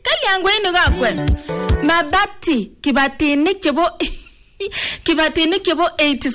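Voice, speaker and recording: A woman's voice: high-pitched, fairly bright tone. A Kenyan woman hosting a live radio giveaway, exclaiming and repeating herself as she switches between languages. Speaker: radio host.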